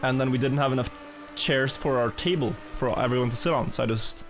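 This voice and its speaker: A man's voice: mid-range voice, brisk, soft background music. A man streaming a game, telling rambling stories in casual chat and chuckling now and then. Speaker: gaming streamer.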